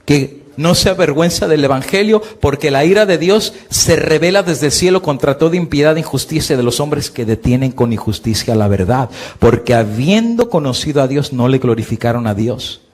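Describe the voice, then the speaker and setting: Man, pastor, husky voice, preaching, middle-aged, swinging from loud high peaks to low quiet lines, rhetorical questions. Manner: preaching with sweeping rises and drops in pitch and volume; asks the listener questions and answers them himself. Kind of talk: sermon.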